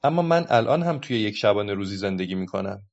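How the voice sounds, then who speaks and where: A man voicing a cheeky, quick-witted little girl who talks playfully, in a dull lo-fi recording. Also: fairly low pitch, animated, vocal fry.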